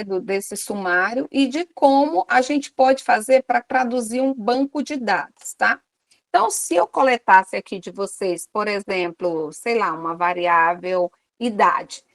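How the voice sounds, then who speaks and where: A woman's voice: a little high, vocal fry, no echo. Brazilian lady teaching a class online, explains step by step, keeps asking "tá?", dry close sound. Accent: Brazilian Portuguese. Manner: explanatory, often checks in with "tá?". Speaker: university lecturer. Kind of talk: online lecture.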